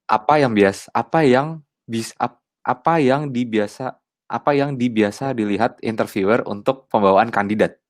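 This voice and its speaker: A man hosting a webinar who reads out audience questions in a relaxed way, sometimes stumbling over the words. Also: mid-range voice, normal speed. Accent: Indonesian. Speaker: host. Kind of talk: moderating a webinar Q and A.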